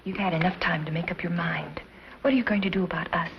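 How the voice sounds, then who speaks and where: An actress playing a proud, sharp-tongued young woman with a crisp, cutting way of speaking. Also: lowish voice, fast talker. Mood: bitter. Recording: dull 1950s TV soundtrack with hiss.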